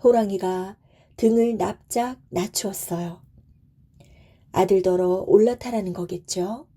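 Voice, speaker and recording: A woman narrating a bedtime folk tale in a soft, soothing, gentle way. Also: mid-range voice, breathy edge. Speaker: storyteller.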